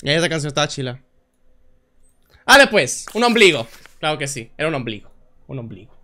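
A young man, hosting a drawing game on stream in a playful, teasing way, shouting out the answers. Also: fairly high pitch, big pitch swings, brisk. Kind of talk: casual game-stream chat.

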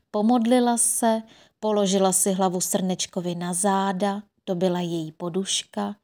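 A woman narrating a fairy tale audiobook in a gentle, expressive storytelling voice. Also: medium pitch.

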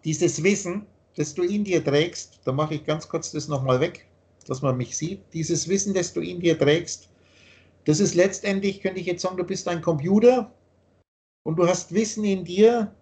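A man's voice: high voice, moderate pace, darkish tone. A man explaining his teaching in a long, earnest monologue, often repeating himself, over a video call. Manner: repetitive, earnest, lecturing.

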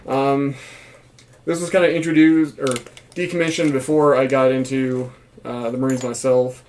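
Male vlogger, casual reviewer, mid-pitched with flat intonation. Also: a little hiss or hum. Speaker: gas mask reviewer, former Marine. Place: small room indoors.

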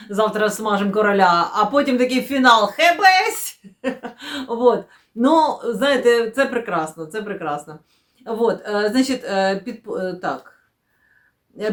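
A woman talking casually about new books, rambling with many fillers and self-corrections, and often dropping into quiet, murmured asides. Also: a little high. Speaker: book vlogger. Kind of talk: casual chatty book unboxing.

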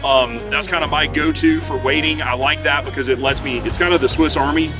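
A man in his thirties hosting a fly fishing trip outdoors by a mountain stream, talking in a relaxed, easygoing way with plenty of ums. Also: on the high side, brisk, music in the background. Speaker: fly fishing guide and host. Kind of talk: casual outdoor vlog talk.

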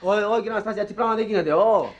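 A man's voice: high-pitched, lightly acted. An actor playing a timid, stammering young man in a sitcom. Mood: pleading. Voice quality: stammering, hesitant. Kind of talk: sitcom acting. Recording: dull lo-fi TV sound, faint noise.

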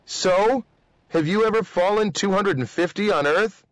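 A man's voice: high voice, normal speed, no room sound, pitched above the performer's own voice, lightly acted, poor audio. A man reading aloud and voicing a nervous young male astronaut who asks raised, incredulous questions.

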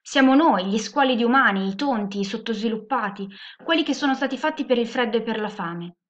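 A woman's voice: a little high, animated, a little fast, natural voice. A woman voicing a stern, irritable human woman who speaks in a dry, commanding way. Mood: exasperated. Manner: curt and commanding. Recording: muffled lo-fi recording.

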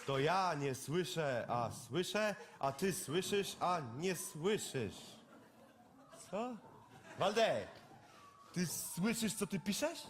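A man performing a live cabaret sketch, talking in blunt, lively working-class banter. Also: high voice, slow, background noise. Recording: stage mic with loud audience laughter.

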